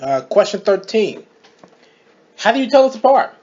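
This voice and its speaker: A man co-hosting a casual chat, telling family stories with emphatic, animated delivery. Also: sits high, moderate pace. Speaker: co-host. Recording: dull lo-fi recording.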